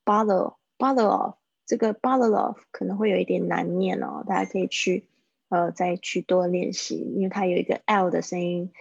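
A woman with a low, gravelly and husky voice teaches English in a live-streamed lesson. She chats along and slowly repeats phrases for her listeners to practice. The sound is dry and somewhat dull. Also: fairly even intonation, no echo.

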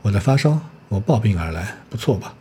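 A ragged but proud young student snaps back at the police with indignant retorts, as a male narrator plays him. The voice sits low and mellow, with faint noise behind it. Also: lively intonation, brisk, close to an everyday voice. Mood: defiant.

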